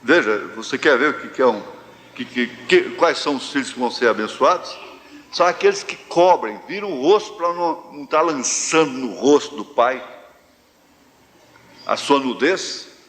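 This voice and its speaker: A Brazilian pastor preaching a live sermon, telling homespun stories with slow, drawn-out phrases. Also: male voice, mid-range voice, expressive, a bit bright. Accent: Brazilian Portuguese, central-west. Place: large church hall. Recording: live church hall reverb, faint ambience.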